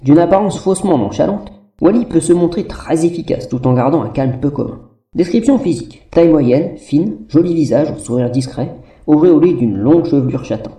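Lecteur masculin pince-sans-rire, micro éloigné, pièce résonnante. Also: male voice, on the high side, animated, brisk, warm tone. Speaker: co-narrator. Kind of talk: reading a character sheet. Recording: roomy and distant mic.

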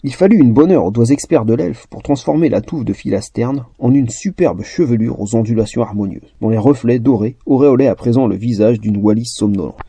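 Un homme qui raconte une histoire de fantasy avec espièglerie, en narration écrite. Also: male voice, medium pitch, a little fast, creaky, few pauses, warm tone, breathy edge, dry recording. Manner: playful, teasing. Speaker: storyteller. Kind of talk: scripted storytelling.

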